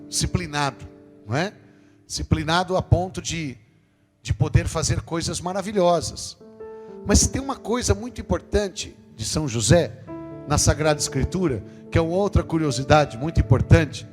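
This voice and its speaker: A man with a Brazilian Portuguese accent giving a parish sermon, lively and conversational, with jokes. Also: fairly high pitch. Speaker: lay preacher. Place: parish church. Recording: long church reverb with guitar music.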